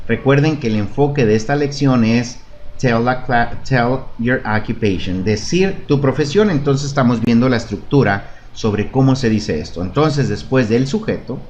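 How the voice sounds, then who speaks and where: A man's voice: medium pitch, animated, moderate pace, a little mellow, a little hiss or hum. A man teaching a beginner English lesson in Spanish, patiently modelling phrases for repetition and checking understanding. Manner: patient, repeats and checks with "¿De acuerdo?". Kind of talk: online language lesson.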